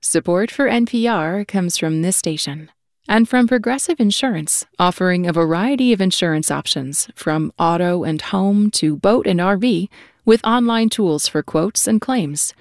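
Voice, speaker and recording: A woman reading scripted sponsor credits on public radio in a crisp, brisk way. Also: lowish voice, animated, no room sound, studio quality. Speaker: sponsor announcer. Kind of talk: scripted announcements.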